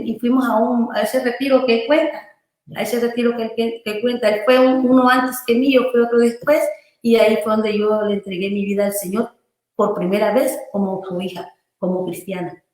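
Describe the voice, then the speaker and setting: A woman's voice: on the high side, fairly even intonation, moderate pace, darkish tone. A woman pastor from Honduras, telling her personal testimony in an interview, earnestly and loosely, often checking in with her listener. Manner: earnest, loose storytelling with frequent "¿verdad?" and "hermano" tags. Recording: very echoey room.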